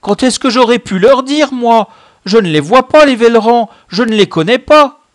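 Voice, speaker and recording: A man reading a storybook who voices a frightened boy stammering shrill denials in a high, loud voice. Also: animated, moderate pace, no room sound, clean studio sound. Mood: panicked.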